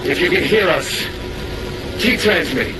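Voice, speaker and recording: Military ship officer, radio signal breaking up, clipped and fairly high-voiced, loud score underneath. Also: male voice, animated, a little slow. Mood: urgent. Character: male warship officer hailing over radio. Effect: crackling, breaking-up radio transmission. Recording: distant radio voice under loud game music.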